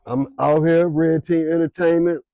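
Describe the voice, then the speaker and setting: Man, interview guest; relaxed, slangy delivery, warm low tone, dry close sound. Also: moderate pace, dry recording. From Detroit, Michigan. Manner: laid-back, slangy, trails off with fillers. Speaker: interview guest, music promoter and rapper. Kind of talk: casual interview.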